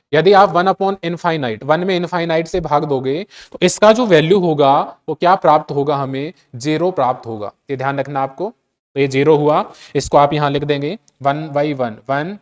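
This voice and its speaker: A man with a Hindi accent teaching chemistry in a lecture, repeating key steps and asking rhetorical questions to check that students follow. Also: a little high. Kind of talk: classroom lecture.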